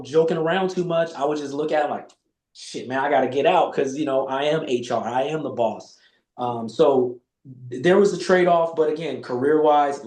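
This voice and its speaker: A man's voice: on the high side, a little mellow. Profane forty-something man, roomy sound. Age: 40s. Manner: loose, profane storytelling with acted-out quotes. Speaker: podcast guest. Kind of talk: casual podcast chat. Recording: roomy echo.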